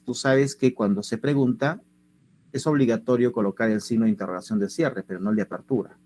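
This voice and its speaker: A man's voice: medium pitch, dark tone. A man teaching an online class. He asks his students lots of rhetorical questions.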